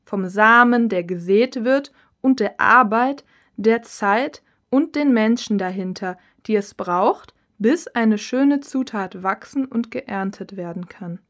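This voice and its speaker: A woman answering interview questions as a cookbook author in a scripted listening-test recording, in a calm, measured reading. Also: mid-range voice.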